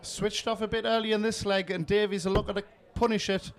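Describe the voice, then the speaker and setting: A man's voice: high-pitched, flat delivery, fairly quick. A man giving live darts commentary in short, punchy, admiring phrases.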